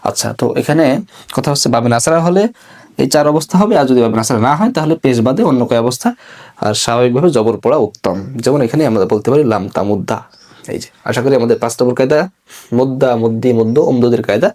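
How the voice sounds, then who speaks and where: A man's voice: mid-range voice, expressive, very fast, darkish tone. A man teaching an online grammar lesson, explaining step by step and asking and answering his own questions. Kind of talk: recorded video lesson.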